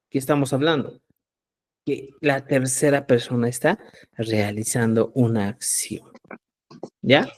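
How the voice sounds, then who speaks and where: A man runs a live online language class, his voice pitched a little high for a man. He drills example words slowly and with emphasis. He keeps checking that the students are following him. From Peru. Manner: checks understanding with repeated "¿ya?". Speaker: Quechua language teacher.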